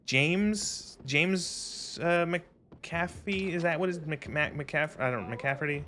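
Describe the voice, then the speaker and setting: A man's voice: a little high, takes it slowly, pushed and bright, slight background noise. A man giving casual, rambling, sweary commentary as he streams a video game.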